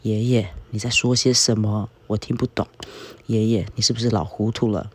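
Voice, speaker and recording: A man's voice: lowish voice, flat delivery, moderate pace, slight background noise, natural voice. A man reading a novel aloud, voicing a curious young village man who keeps asking questions.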